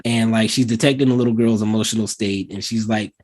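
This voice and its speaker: A man's voice: lowish voice, fairly quick. Chatty man hosting a movie review. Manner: animated, acts out scenes in lively voices; chatty, many fillers like "like". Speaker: podcast host. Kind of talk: casual movie review chat.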